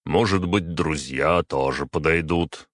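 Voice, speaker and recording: A man's voice: extremely low pitch, no room sound, studio quality. A man voicing a stern, unbending aging emperor who speaks curtly and commandingly to his daughter. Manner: curt, measured, commanding.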